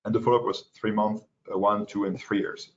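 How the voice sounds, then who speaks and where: A young man with a French accent giving a medical webinar lecture as a fellow, halting with fillers and restarts. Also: on the low side, little pitch movement. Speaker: pain medicine fellow presenting. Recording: dull lo-fi webinar audio.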